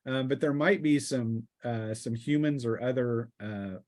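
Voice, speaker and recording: With a mid-range voice and a darker tone, a man leads a tabletop roleplaying game, improvising the story. His narration is hesitant, with pauses that cut into his sentences.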